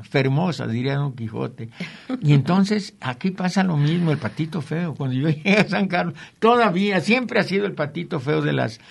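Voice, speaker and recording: A man's voice: fairly high pitch, vocal fry. An older man with a Mexican accent, a printmaker guest telling rambling stories with chuckling asides. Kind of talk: anecdotal interview talk.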